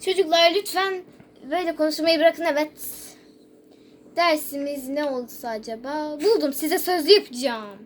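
A high-voiced girl voicing a patient female teacher in toy role-play, recorded with faint background noise. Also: normal speed, close to an everyday voice. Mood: brisk. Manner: playful pretend play with toys.

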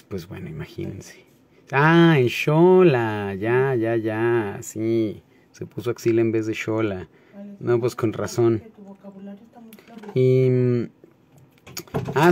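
A man with a Mexico City accent chatting casually on a late-night livestream, greeting viewers by name in relaxed, slangy talk. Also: mid-range voice. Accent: Mexico City Spanish. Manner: laid-back, slangy, greets viewers by name, laughs often.

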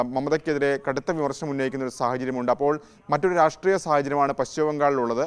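A man's voice: mid-range voice, clear, resonant tone. A man in his thirties reporting live as a news correspondent, explaining steadily with occasional restarts.

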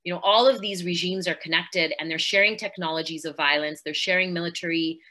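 A woman's voice: on the low side, steady tone, brisk, sharp tone. A woman speaking earnestly and fluently as a panelist in an online discussion, talking from home over a video call. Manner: earnest, fluent activist talk with fillers. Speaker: panelist, podcast host.

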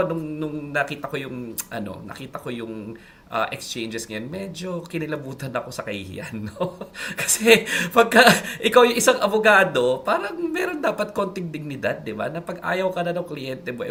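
Male lawyer guest, fairly high voice, animated delivery that swings widely in pitch. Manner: animated and emphatic, mixes English into his talk. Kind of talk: expert interview commentary.

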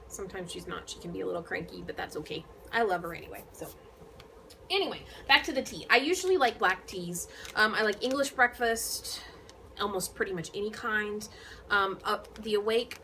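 A woman's voice: medium pitch, fairly bright tone, a little hiss or hum, rough recording. A woman hosting a casual knitting vlog, chatting to her viewers with lots of ums and restarts. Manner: rambling, many ums and restarts. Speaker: knitting vlogger. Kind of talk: casual chat to camera.

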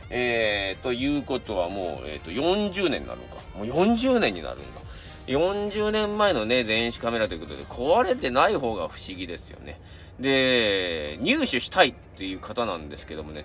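A man's voice: medium pitch, a bit bright. A middle-aged man with a Kansai accent, chatting casually as a camera channel host, rambling with many fillers and asides while reviewing gear and reading viewer submissions.

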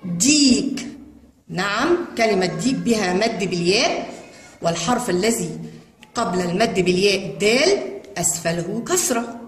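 A woman teaching young children to read, spelling out words in long drawn-out sounds. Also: medium pitch, animated. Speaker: kindergarten Arabic teacher. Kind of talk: children's reading lesson. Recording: echoey room with long reverb and faint noise.

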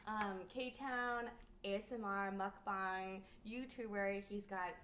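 A woman's voice: medium pitch, fairly even intonation, slow pace, noisy background. A woman hosting a casual cooking chat in an indoor kitchen. She laughs often and asks her guest lots of questions. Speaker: host.

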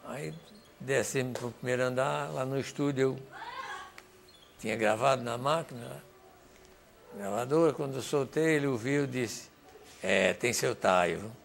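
A man's voice: mid-range voice, a little slow, gravelly, long pauses, slight background noise. An older man with a Northeastern Brazilian accent, a songwriter telling stories and acting out the dialogue as he goes. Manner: animated, acts out dialogue and sings snippets. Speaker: songwriter giving testimony. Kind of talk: storytelling testimony.

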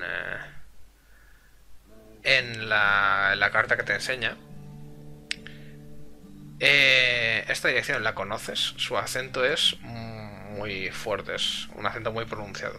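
A man's voice: on the low side, bright, forceful tone. A man streaming live and translating a game aloud, hesitant and full of fillers.

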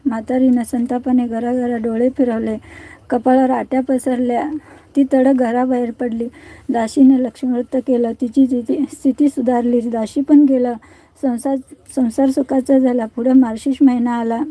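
A woman narrating a devotional folk tale in a steady, measured reading. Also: on the high side, no echo, low-quality recording. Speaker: storyteller.

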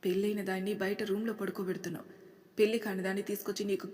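A woman's voice: medium pitch, level tone, very fast, a little mellow, big-room sound, close to an everyday voice. A woman voicing an angry middle-aged father who speaks harshly and accusingly.

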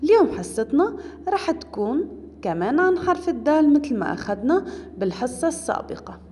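Woman, Levantine Arabic accent, teacher for young pupils, slow drawn-out letter sounds, encouraging, echoey room, voice off-mic. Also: high-pitched, darkish tone, distant mic. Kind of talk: recorded lesson for young pupils.

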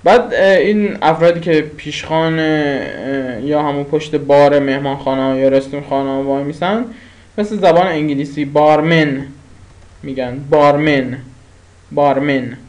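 Man, language teacher, slightly raised pitch, repeats each word, patient pauses. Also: steady tone. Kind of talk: spoken language lesson.

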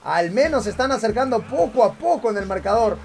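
A man casting a live esports tournament on stream. He calls the action loudly and energetically, then slips into laid-back banter with his chat. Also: high voice, lively intonation, fairly quick, gravelly. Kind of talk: live esports play-by-play commentary.

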